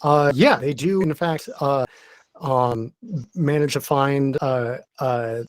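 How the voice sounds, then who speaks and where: A man acting as game master, explaining the rules step by step in a halting way. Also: mid-range voice, no room sound. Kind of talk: narrating a tabletop game.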